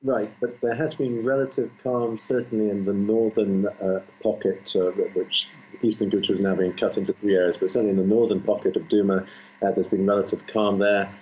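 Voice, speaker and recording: A deep, mellow-voiced man reporting live as a news correspondent, coming through a muffled, low-quality stream link. A faint hiss sits under his voice, and he talks haltingly with many fillers and restarts. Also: flat delivery. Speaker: foreign correspondent. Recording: muffled lo-fi line with faint noise.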